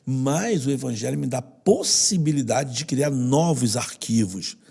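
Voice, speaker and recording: This is a man from Brazil with a deeply husky, gravelly voice, speaking as a podcast guest. He talks in an earnest, heartfelt way and often softens almost to a hush. His pitch sits in an ordinary middle register. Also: animated, measured pace. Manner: earnest, heartfelt, drops to a soft hush at times. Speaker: podcast guest, social project leader. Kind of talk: personal storytelling in conversation.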